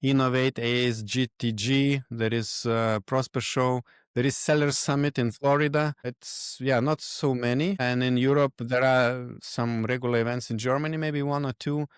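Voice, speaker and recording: Man, podcast guest, halting speech, resonant voice, dry close sound. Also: medium pitch, fairly even intonation, clean tone, no room sound. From Lithuania. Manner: halting, searching for words. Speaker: guest, event organizer. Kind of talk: podcast interview.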